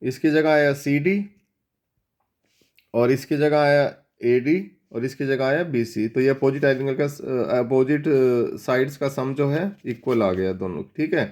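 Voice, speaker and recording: A man teaching a maths lesson in Hindi mixed with English, often checking in with students and slowing down to dictate statements. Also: mid-range voice, darkish tone. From India. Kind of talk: board lesson explaining geometry.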